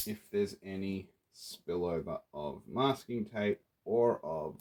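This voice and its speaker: In this laid-back workshop tutorial, a prop maker from Australia playfully talks to his audience while he works on a theatre prop. His low, darkish voice is expressive and slow.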